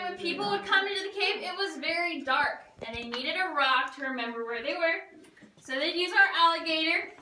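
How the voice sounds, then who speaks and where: A woman's voice: extremely high pitch, sharp tone, distant mic. A woman working as a cave tour guide, giving semi-rehearsed tour narration with her voice echoing in the cave. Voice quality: cave echo on the voice. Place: inside a show cave. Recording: echoey cave, off-mic, faint noise.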